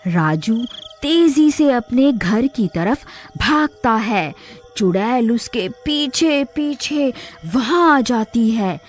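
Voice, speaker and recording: Woman narrator for a cartoon story: very slow, higher voice, faint music. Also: animated. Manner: slow, deliberate.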